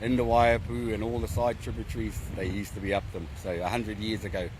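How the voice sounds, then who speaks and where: A man with a New Zealand accent speaking casually and haltingly in an outdoor interview. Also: fairly low pitch, little pitch movement. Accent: New Zealand English. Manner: halting, repeats words. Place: outdoors by a river. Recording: clear outdoor vehicle and water noise.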